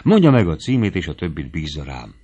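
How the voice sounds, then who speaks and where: A man's voice: extremely low pitch, expressive, dull audio, full character voice. A man doing a coaxing young suitor. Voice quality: soft, coaxing. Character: young gentleman hunter, smooth-talking suitor.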